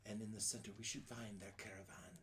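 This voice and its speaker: Man putting on a raspy, whispery old hag. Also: lowish voice, fairly even intonation, a bit bright, a little hiss or hum, natural voice. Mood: matter-of-fact. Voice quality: raspy, breathy half-whisper. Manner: old hag croon, slow and coaxing.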